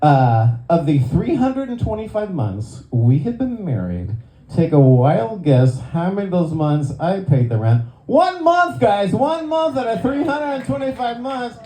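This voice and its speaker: Older man doing stand-up, mellow voice. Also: high voice, a little slow. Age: 60s. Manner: self-deprecating punchlines, lively put-on voices for friends. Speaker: stand-up comedian. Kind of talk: stand-up set. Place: club stage before a live audience. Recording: echoey room, faint crowd ambience.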